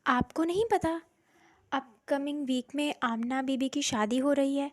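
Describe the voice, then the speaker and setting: Woman doing a matter-of-fact maid in a storybook, casual, high and dry. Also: dry recording, lightly acted. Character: offhand female house servant.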